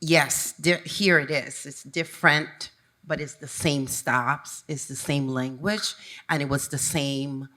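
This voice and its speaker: Slow, deep-voiced woman from Honduras. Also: steady tone, pushed and bright. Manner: reflective, searching for words. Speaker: panel advisor. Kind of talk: panel discussion.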